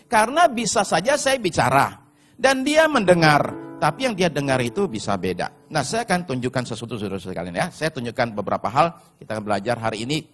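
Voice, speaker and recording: A man preaching a sermon as pastor, telling stories and addressing the congregation directly, sometimes shouting in put-on voices. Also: mid-range voice, big pitch swings, a little fast, faint music behind.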